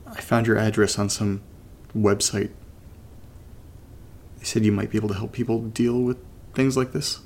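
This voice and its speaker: A man's low, darkish, level voice carries a naturalistic found-recording monologue for a horror audio drama. He plays an uneasy, reluctant man exploring a creepy place, halting and muttering as if to himself, partly reading a strange letter aloud. Throughout, he sounds subdued and uneasy.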